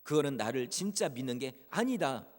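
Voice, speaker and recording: A man's voice: mid-range voice, very animated, moderate pace. A man voicing a stern male God who rebukes sinners with pointed questions, in a reverberant church hall. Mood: stern rebuking.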